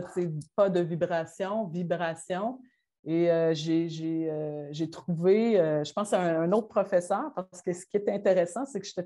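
Low mellow Quebec French woman teacher. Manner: hesitant, many fillers and restarts; self-described rushing delivery. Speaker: French teacher presenting to colleagues. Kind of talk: informal work presentation.

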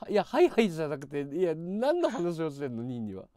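A man with a highish, mellow voice that swings widely in pitch. He talks casually on a call, pressing with questions and repeating himself. The sound is dry and close. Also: wildly swooping pitch, fast talker, no room sound. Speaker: livestreamer talking to a viewer. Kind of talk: casual phone conversation.

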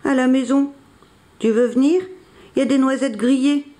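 A storyteller voicing a small, eager boy hamster who dreams of being a cowboy, with high, excited exclamations. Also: moderate pace, natural voice. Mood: proud. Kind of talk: storybook read-aloud.

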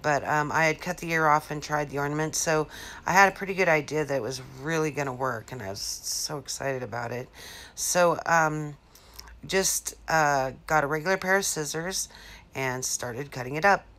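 A woman's voice: deep voice, moderate pace, fairly bright tone. A woman in her fifties chatting casually through a home craft tutorial, rambling with many fillers and restarts. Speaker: craft vlogger. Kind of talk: casual DIY tutorial chat. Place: living room at home.

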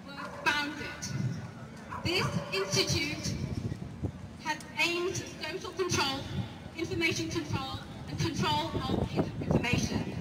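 Woman, rally speaker, impassioned and emphatic, very high voice, far-off echoey outdoor recording. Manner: impassioned, emphatic, repeats phrases. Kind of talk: public protest speech. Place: outdoor square before a large stone building. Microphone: camera filming from the crowd, far from the speaker. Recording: distant, echoey, loud crowd and street noise. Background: crowd and passing vehicles.

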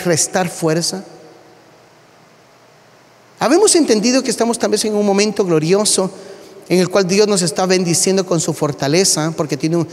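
A man preaching a sermon as a pastor, telling animated stories and calling his listeners brother. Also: high-pitched. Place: church hall. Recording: long hall reverb.

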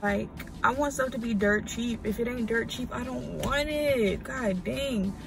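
With music in the background, this American vlogger in her twenties talks a little slowly in a slightly high, gravelly voice. Her casual chat, recorded in a parked car and at home, is slangy and informal, sprinkled with animated asides.

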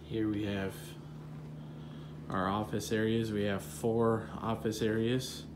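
Filming on a handheld phone as he strolls through his print shop's offices and warehouse, a man gives a relaxed, technical tour of the machines, peppering it with "uh"s and "um"s. His voice sits on the low side, slow and even in tone, with a noticeable air-conditioning hum beneath it.

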